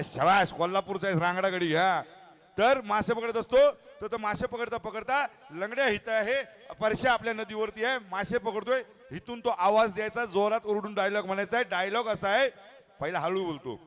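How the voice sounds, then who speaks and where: High-voiced playful male emcee. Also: fairly bright tone. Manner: playful, coaxing, teasing. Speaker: stage show emcee. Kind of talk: lively stage emceeing with children. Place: outdoor stage at a hotel lawn.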